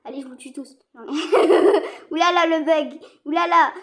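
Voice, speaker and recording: A high, girlish voice belongs to a young woman from France who narrates her online game as she plays. She chatters in slang, repeats her protests, and keeps breaking into laughter. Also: unhurried. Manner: excitable, repeats herself, laughs often; slangy teen talk. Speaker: gaming streamer. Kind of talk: casual gaming commentary.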